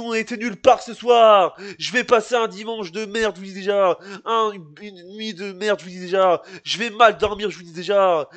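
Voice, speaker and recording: Male fan host, very high pitch, live match debrief; exasperated ranting, loud outbursts and weary sighs, repeats a catchphrase. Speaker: football fan channel host.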